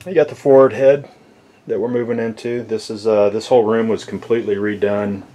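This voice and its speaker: Male boat owner, low voice, halting casual tour narration, camera mic in a small cabin. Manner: relaxed, halting with frequent fillers. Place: inside a sailboat cabin. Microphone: handheld camera mic, speaker off camera.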